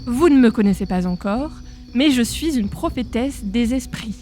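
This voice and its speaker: A woman's voice: a little high, lively intonation, moderate pace, dark tone, soft background music, natural voice. A woman playing an odd prophetess of spirits in a cartoon, with the solemn, theatrical manner of a seance medium. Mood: solemn, mysterious.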